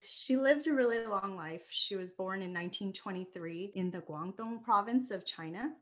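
An American podcast host, a woman with a medium-pitched, fairly bright voice, shares a personal family story. She sounds reflective and earnest, laughing lightly and restarting words now and then.

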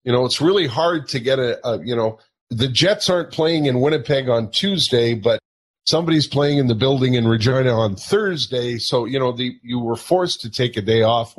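A middle-aged man telling a self-mocking anecdote as a guest, laughing often. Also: mid-range voice. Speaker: guest telling a touring story. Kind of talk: anecdotal storytelling.

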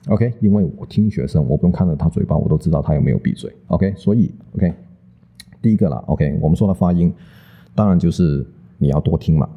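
A man's voice: deep voice, fast, phone-quality sound. A man teaching English pronunciation in a casual, chatty lesson, tagging "OK" onto nearly every phrase. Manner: chatty, peppers speech with "OK" and "好不好".

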